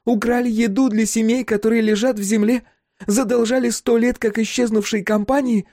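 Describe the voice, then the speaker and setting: A man voicing a defiant young woman who shouts and pleads with trapped souls, in an audiobook reading. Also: very high voice, steady tone, a little fast, dry recording, clean studio sound, pitched above the performer's own voice. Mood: shouting.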